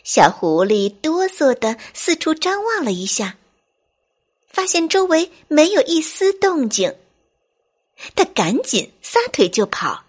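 A woman reading a bedtime story to children with a gentle, expressive storytelling cadence. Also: sits high, slow pace.

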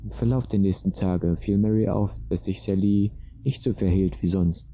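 A man reading a story aloud as narrator in a steady, even way, on a dull lo-fi recording. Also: low voice, normal speed, a little hiss or hum.

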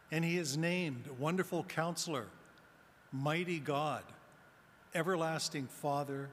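A man serving as deacon, reading the Gospel and preaching a homily in a measured, deliberate way, his voice carrying a cathedral-like echo in a large church. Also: fairly high pitch, a bit bright. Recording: long church reverb, faint room noise.

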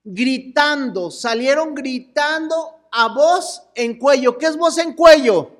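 A woman preaching a sermon in a slow, drawn-out way, her voice sitting high. She asks the crowd questions and draws out each phrase, rising at times to a shout. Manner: animated, asks the crowd questions and calls out with them. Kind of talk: sermon to a mixed congregation with children.

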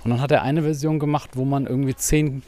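A man with a mid-range, dark-toned voice talks fast and keeps a steady tone. He's hosting a casual podcast while out running, explaining things and tossing in frequent tag questions as he moves outdoors.

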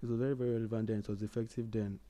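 This man co-hosts a casual radio chat about history, often hesitating and repeating words as he thinks. His voice is lowish and dark, delivered flatly and very fast.

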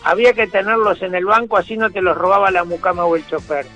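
High, bright Rioplatense radio satirist. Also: male voice, fairly even intonation, faint music behind. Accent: Rioplatense Spanish. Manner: mocking, sarcastic, rapid-fire jokes. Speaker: radio host and humorist.

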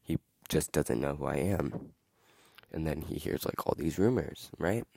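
A young podcast host with a very deep, unhurried voice that's gravelly and mellow with a breathy edge tells a casual, rambling story, indignant and filler-heavy. He's outdoors in the wind, though the sound is clean studio quality with no echo.

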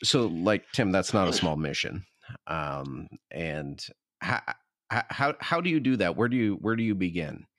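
A man's voice: low-pitched, lively intonation, measured pace, fairly bright tone, no echo, studio quality. A man hosting a podcast interview, thoughtful and a little hesitant, often repeating words as he asks questions. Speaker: podcast host. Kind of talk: casual interview.

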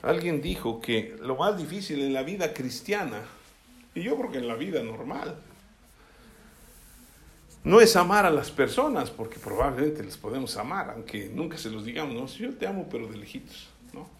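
A man's voice: medium pitch, sing-song, normal speed. A man preaching a sermon in a conversational way, often checking that listeners follow along. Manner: conversational, asks listeners for assent. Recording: echoey room.

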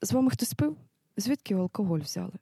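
A stern military-hospital nurse in an audio drama, firm and scolding yet caring. Her voice is mellow and dark in tone, recorded dry and close. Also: mid-range voice, expressive, quick pace, gravelly, slightly rough, no room sound. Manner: firm, scolding, matter-of-fact. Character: strict night-shift nurse, commanding, caring.

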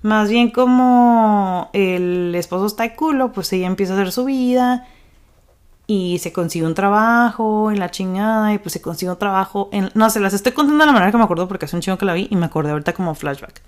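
A woman with a Mexican accent hosting a casual rant podcast, talking fast and excitably and swearing freely. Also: medium pitch. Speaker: podcast host.

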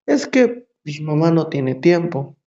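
A man's voice: fairly high pitch, sing-song, slow, warm tone, full character voice. A frank, cheerful little girl of seven speaks plainly about her life, quoted by a man. The voice lifts a little above his own. The recording sounds slightly dull and lo-fi. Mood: matter-of-fact.

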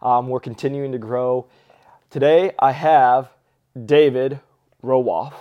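A man's voice: mid-range voice, fairly even intonation, takes it slowly, dull audio. A man hosting a podcast in casual talk, pronouncing his r sounds like w. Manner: says w for r. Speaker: podcast host.

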